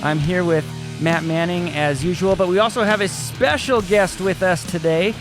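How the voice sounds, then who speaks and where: A man co-hosting a church podcast in casual, animated chat, laughing often. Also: high voice, moderate pace, over music. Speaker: podcast co-host.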